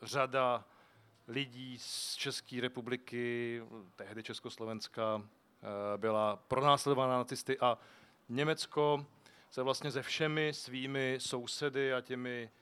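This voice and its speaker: A man with a smooth, resonant voice of middle pitch answers as a panel guest on an outdoor stage. He explains at a measured pace, pausing often on fillers. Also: steady tone, a bit bright. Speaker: foundation director, panel guest. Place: outdoor street festival stage. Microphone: shared handheld microphone.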